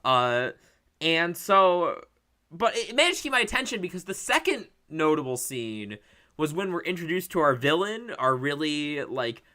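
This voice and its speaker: A man's voice: on the high side, big pitch swings, moderate pace, pushed and bright. A man co-hosting a podcast, recapping a movie in casual, profane, rambling chat that keeps breaking into laughter. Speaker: podcast co-host.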